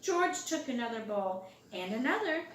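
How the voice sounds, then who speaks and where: Stretching out important words and shouting playful, acted exclamations, a storyteller brings a picture book to life for small children in a high, wildly varying voice. The mic sits back in a roomy space, and there's a little hiss or hum.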